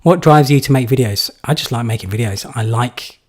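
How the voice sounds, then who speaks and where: A young man from England answers viewer questions during a live-stream Q&A chat. His mid-range voice runs a little fast, and he's casual and rambling, full of fillers.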